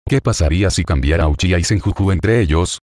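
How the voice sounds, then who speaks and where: A man's voice: low-pitched, quick pace, a little mellow, no echo, studio quality, close to an everyday voice. A man voicing a cocky young ninja hero. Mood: self-assured.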